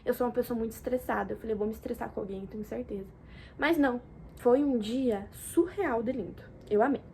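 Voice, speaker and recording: A woman's voice: on the high side, quick pace, slight background noise. Chatty young Brazilian woman vlogging. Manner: expressive, chatty, swings between loud exclamations and soft asides. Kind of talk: casual chat to camera.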